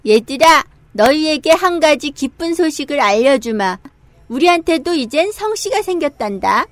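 A woman's voice: sits high, normal speed, a little mellow, dry recording, lightly acted. A woman voicing a small, defiant monkey king, bold, boastful and commanding, in a children's storybook. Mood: proud. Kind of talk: dramatized children's storybook reading.

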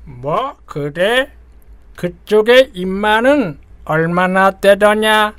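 An actor playing a domineering demon king in an audio drama, speaking like a commanding dark lord. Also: high voice, animated, extremely slow, smooth, no room sound, full character voice. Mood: boastful, commanding.

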